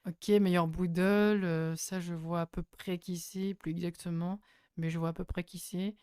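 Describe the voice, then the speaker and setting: A man giving casual spoken commentary as a YouTuber reviewing casting photos, hesitant with many fillers and sudden bursts of excitement. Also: sits high, moderate pace, clean tone, no room sound, studio quality.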